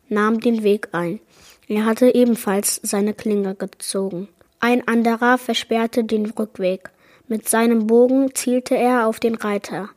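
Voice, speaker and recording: A woman reading aloud a chapter of a children's fantasy adventure book in a measured narrating manner. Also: a little high, no echo, studio quality. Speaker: book reader. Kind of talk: storybook read-aloud.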